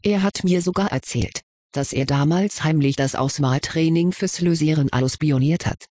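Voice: medium pitch, normal speed, no room sound, lightly acted. A reader voicing a resigned schoolgirl. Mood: enthusiastic. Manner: subdued, quietly disappointed.

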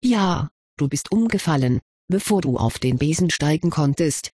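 A reader voicing a caring, teasing schoolgirl witch in an audiobook of fan fiction, speaking in a teasing, gently concerned way. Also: mid-range voice, expressive, moderate pace, husky, no room sound, clean studio sound.

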